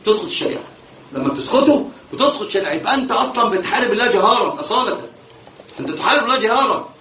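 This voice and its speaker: A man with an Egyptian accent gives a religious lesson, mixing colloquial and classical Arabic, animated and repeating phrases for emphasis. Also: high voice, very fast, reverberant, lo-fi sound, a little hiss or hum. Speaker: Islamic preacher.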